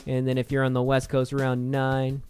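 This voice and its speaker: A man's voice: mid-range voice, monotone, brisk, darkish tone. Sarcastic podcast co-host, man. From Canada. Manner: mock-serious, sarcastic, laughs easily. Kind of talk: casual podcast banter.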